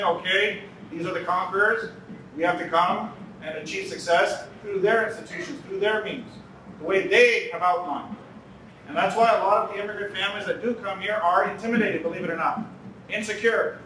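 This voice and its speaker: Speaking at a conference in a big banquet hall, this Toronto man has a high-pitched, bright voice with a forceful edge, and he earnestly repeats key lines from the podium. The podium mic is some distance away, leaving the recording echoey with slight background noise.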